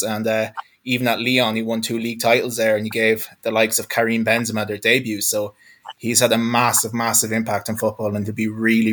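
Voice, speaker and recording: A man's voice: on the low side, fairly bright tone. A man in his twenties with a west of Ireland accent, a sports journalist talking fluently and reflectively as a guest in a football discussion. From Galway, west of Ireland. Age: 20s.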